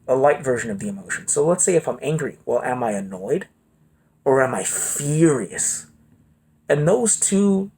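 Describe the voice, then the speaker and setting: A man's voice: medium pitch, creaky, a little mellow, slightly rough. A man speaking as a guest speaker in a casual, conversational talk, often checking in with "right?".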